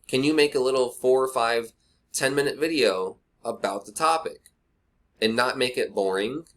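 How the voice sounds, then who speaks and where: An online marketing instructor, a man with a mid-range, slightly bright voice at a moderate pace, records a casual screen-capture tutorial through a cheap webcam mic. He's blunt and rambling, speaking straight to the viewer like a laid-back tutor.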